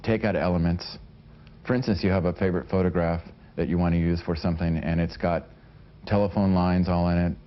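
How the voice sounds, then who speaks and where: An American man in his forties giving somewhat halting interview answers. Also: sits low. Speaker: interviewee, professional photographer. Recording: dull vintage TV audio.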